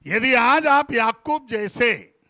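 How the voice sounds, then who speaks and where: High-voiced, slow-preaching pastor. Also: male voice, animated, sharp tone, no echo, clean studio sound. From India. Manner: fervent, drills the congregation to repeat phrases back; sprinkles "Praise the Lord" between points. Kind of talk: sermon. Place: church before a congregation.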